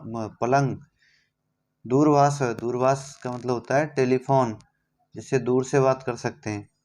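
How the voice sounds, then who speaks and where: Slow, patient male teacher. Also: medium pitch, a little mellow. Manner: slow, patient, reads a word then explains it. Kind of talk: explaining a lesson.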